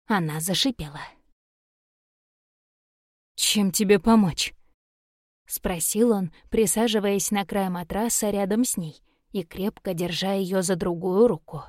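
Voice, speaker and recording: A woman reading a fantasy novel aloud, steady and measured in her delivery. Her voice sits mid-range and sounds close and dry, with no room around it. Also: mid-range voice, no echo. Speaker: audiobook narrator. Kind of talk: scripted narration.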